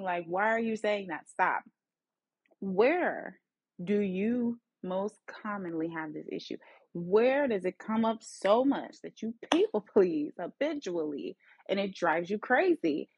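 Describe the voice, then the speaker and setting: A woman with a low, husky voice talks earnestly as a therapist hosting her own podcast, putting question after question to her listeners. The sound is dry and a little dull, with no room around it. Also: darkish tone, dry recording. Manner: earnest, coaching, asks many questions. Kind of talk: solo podcast talk.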